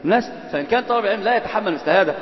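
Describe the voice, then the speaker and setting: A man's voice: sits high, animated, rapid-fire. A man teaching an Islamic lesson, switching between classical and colloquial speech and teasing and quizzing his students. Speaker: religious teacher. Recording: echoey hall, dull lo-fi sound.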